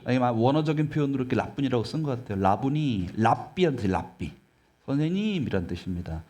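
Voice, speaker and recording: A male pastor preaching a sermon in an emphatic, animated way, often putting questions to the congregation. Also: medium pitch, fast.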